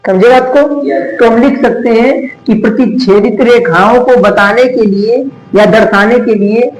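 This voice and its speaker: High-voiced man teaching math, echoey room. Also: steady tone. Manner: asks questions then answers them, drawn-out key words. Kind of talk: classroom math lesson.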